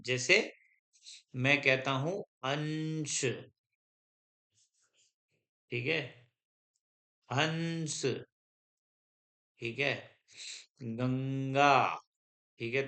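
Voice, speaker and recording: A man with a mid-range, sharp-toned voice teaches a grammar lesson to a class. He dictates notes slowly, repeats every point, and keeps pausing to make sure the students follow.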